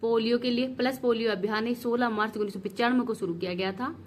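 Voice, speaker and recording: A woman teacher giving an exam revision lesson, repeating each word slowly to drill its correct spelling. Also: a little high, fairly even intonation, a little hiss or hum.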